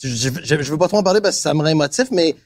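A man in casual chat, rambling and halting, with many restarts. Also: fairly high pitch, lively intonation, no room sound. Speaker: comedian guest.

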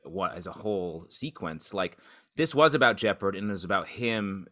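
Bright, low-pitched man on a podcast. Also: animated, normal speed. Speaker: podcast co-host. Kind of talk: casual podcast discussion.

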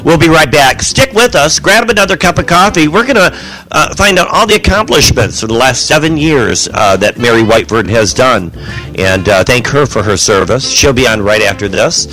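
A man's voice: mid-range voice, animated, moderate pace, bright, forceful tone, faint music behind, rough recording. Hesitant man hosting local radio. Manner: hesitant, many ums and uhs. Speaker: radio show host. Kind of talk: casual radio talk show chat.

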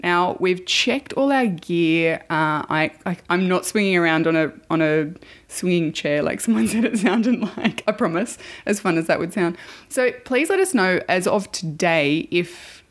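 Australian woman with a lowish voice. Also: lively intonation, measured pace. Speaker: podcast host. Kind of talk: casual podcast chat.

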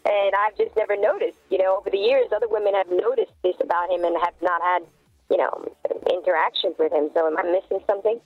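A woman's voice: mid-range voice, fast talker, dry recording. A woman in her twenties calling in with her voice run through a voice changer, talking hesitantly with many "I mean" and "you know". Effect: voice changer disguising the voice. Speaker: caller. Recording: tinny phone line, dry, faint music.

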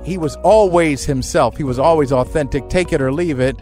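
A man with a fairly high voice speaks with earnest emphasis in an interview. Faint music sits underneath him. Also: a little fast, mellow. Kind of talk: reflective interview.

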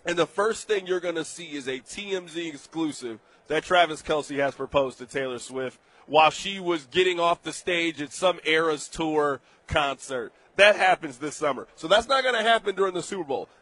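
A man's voice: on the high side, normal speed, hardly any pauses, a bit bright, no room sound. A young man hosting a sports betting talk show, emphatic and playful as he riffs on hypothetical scenarios.

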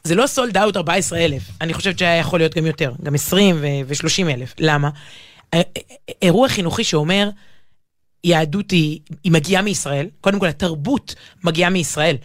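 A woman's voice: fairly low pitch, no room sound, clean studio sound. A woman with an Israeli accent co-hosting a casual talk show, speaking emphatically and often breaking off to rephrase mid-sentence. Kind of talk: casual animated conversation.

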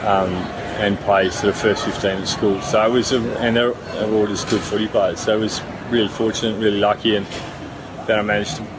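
Speaking with a lowish voice at a brisk clip, a middle-aged New Zealander who once played rugby meanders through an interview with plenty of fillers and false starts. Noise fills the background.

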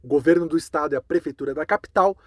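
A Brazilian man with a fairly high voice presents scripted news. His delivery is clear and conversational, and the sound is dry, with no room echo. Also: rapid-fire. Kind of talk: scripted news roundup narration.

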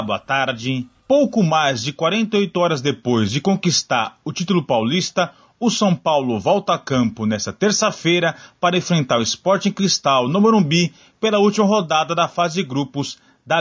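A Brazilian man delivering a radio sports report in a husky, slightly high voice. His reading is even and measured. The recording sounds a little muffled and dull. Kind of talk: scripted sports news report.

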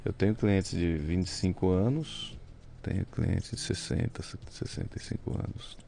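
Gravelly, low Brazilian man, blunt. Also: normal speed, a little hiss or hum. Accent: Brazilian Portuguese. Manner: blunt and profane, excitable. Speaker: business mentor guest. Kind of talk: casual interview chat.

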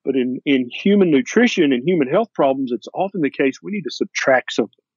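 A man's voice: medium pitch, lively intonation, brisk, breathy edge, no echo, highs cut off. A man with a Tennessee accent talking as a doctor in an interview, in a blunt, folksy and emphatic way. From Tennessee, USA. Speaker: doctor and author, interview guest. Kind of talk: conversational interview.

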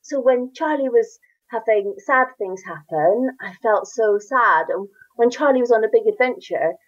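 Speaking in a Northern Irish accent, this children's author takes interview questions with eager, warm storytelling and plenty of laughter, her delivery carrying a lilt. Her voice runs on the high side, animated and at a moderate pace, captured in a muffled recording.

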